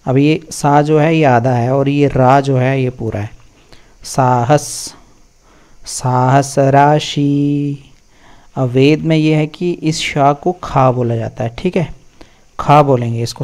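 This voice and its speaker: A man's voice: medium pitch, steady tone, a little mellow. A man teaching the pronunciation of Vedic mantras, drawing out syllables one by one in a patient spoken recitation lesson. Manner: patient, drawn-out syllable-by-syllable drilling.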